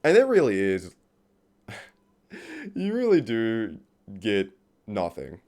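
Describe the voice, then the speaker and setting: A man's voice: fairly low pitch, wildly swooping pitch, slow, a little mellow. A man ranting off the cuff in a profane, exasperated way, laughing at times and reading from his notes as he talks. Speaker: vlogger. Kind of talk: unscripted rant about a TV series.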